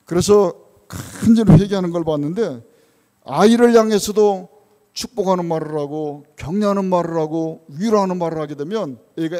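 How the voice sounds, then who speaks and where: A man with a notably high voice delivers an earnest sermon as a church elder. He drives his points home with strings of rhetorical questions and plays out what parents say to their children. His voice rings with the long reverb of a church hall. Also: mellow. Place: church sanctuary.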